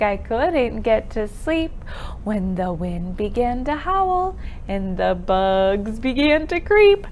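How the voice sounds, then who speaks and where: Leading a children's storytime filled with sing-along rhymes, a woman uses big, expressive delivery aimed at little ones, encouraging them, posing questions and leaving gaps for replies. Her voice sits in the mid range, and there's a faint hiss or hum.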